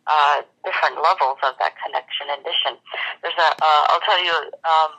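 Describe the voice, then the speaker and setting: A religious speaker giving a spiritual talk, telling a fable with many pauses, fillers and restarts. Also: medium pitch, bright, forceful tone, lo-fi sound. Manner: reflective, teaching.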